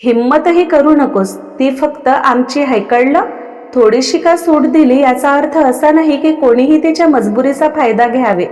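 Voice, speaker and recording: A woman's voice: high voice, moderate pace, darkish tone, lightly acted. A woman voicing an angry, domineering young husband who speaks in a commanding tone, recorded with long reverb. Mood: stern commanding. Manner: commanding, uses royal "we".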